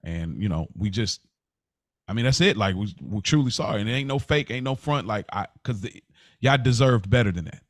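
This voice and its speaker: A podcast co-host tells personal stories in a casual conversational way, often repeating words and restarting phrases. His voice sits fairly low and sounds animated and a little fast. The studio recording is clean, with no room sound.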